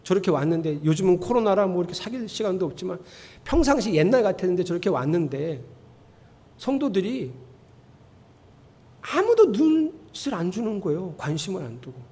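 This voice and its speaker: Animated Korean pastor preaching in a reverberant hall. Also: male voice, sits high, a little fast. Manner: animated storytelling, rising to near-shouting emphasis. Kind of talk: sermon. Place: church sanctuary.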